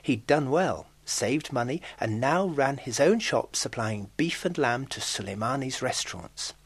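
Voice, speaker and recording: A middle-aged man from Britain narrates a scripted radio report as a foreign correspondent. His voice is breathy and a little husky, with a lively, swooping melody. He tells the story wryly, as if sharing an aside. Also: mid-range voice, unhurried.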